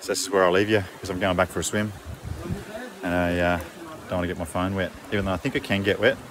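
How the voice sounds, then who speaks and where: A low-pitched middle-aged man vlogs on a phone held at arm's length. He talks casually and slangily in a laid-back way. Water splashes clearly behind him in an outdoor rocky canyon. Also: fairly even intonation, fast talker, noisy background. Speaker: vlogger. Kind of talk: casual chat to camera. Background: splashing, running water.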